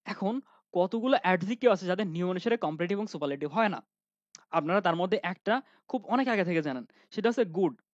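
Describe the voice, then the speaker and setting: A man's voice: high-pitched, animated, fast, no echo, highs cut off. A man teaching an online grammar lesson, often asking questions and answering them himself, with many fillers.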